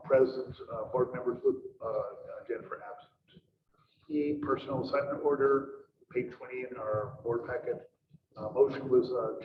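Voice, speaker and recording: Male board chair, halting agenda reader, distant in a roomy, muffled, noisy meeting recording. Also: medium pitch. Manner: halting, many "uh" fillers. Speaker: school board president. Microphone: room mic on a video call. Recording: far-off mic, echoey room, dull noisy sound.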